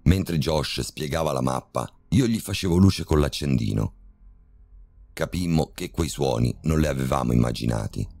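Male horror narrator, very low and mellow, steady scripted delivery. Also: creaky, husky. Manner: measured, steady storytelling.

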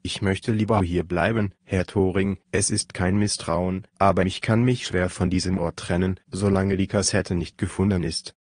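Man reading a dejected young man fearing ruin, deep, dry, pleading. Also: steady tone, normal speed, hardly any pauses, darkish tone, no echo. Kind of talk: audiobook reading.

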